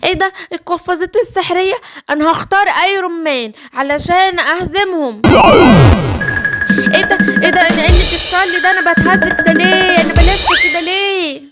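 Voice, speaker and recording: A woman's voice: very high-pitched, quick pace, over loud music. A woman with an Egyptian accent voicing a small, scared male lion cub in a bedtime cartoon story. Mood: excited. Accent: Egyptian Arabic. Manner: tearful, whiny, then boastful. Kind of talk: bedtime story role-play.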